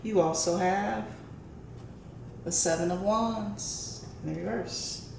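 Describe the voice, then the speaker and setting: This channel host's voice is medium-pitched, gravelly and darkish, and she speaks slowly as she leads a casual tarot and horoscope reading. The tarot reader often checks in with viewers through a questioning "right?". Roomy echo and faint background noise fill the recording.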